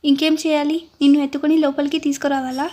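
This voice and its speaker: A woman's voice: high voice, little pitch movement, fast, a little mellow, close to an everyday voice. A woman voicing an irritable young husband who speaks curtly and dismissively. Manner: curt, dismissive.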